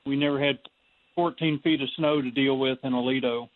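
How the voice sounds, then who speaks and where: A man's voice: medium pitch, steady tone, a little fast, no echo. A man calling in to a radio show over the phone, chatting in a friendly, rambling way. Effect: heard over the phone. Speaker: radio call-in caller. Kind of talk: casual chat. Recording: tinny phone line with faint hiss.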